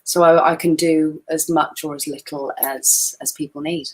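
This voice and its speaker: A woman's voice: low voice, fairly even intonation, normal speed, slightly rough. Chatty woman in her forties. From Wales. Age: 40s. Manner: chatty, self-deprecating, laughs easily. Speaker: guest photographer. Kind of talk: webinar presentation.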